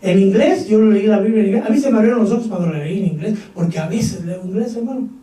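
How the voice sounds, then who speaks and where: A man's voice: sits high, fast, mellow. A male pastor with a Mexican Spanish accent, preaching a Pentecostal sermon and putting rhetorical questions to his congregation. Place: church hall. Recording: echoey church hall, mic at a distance.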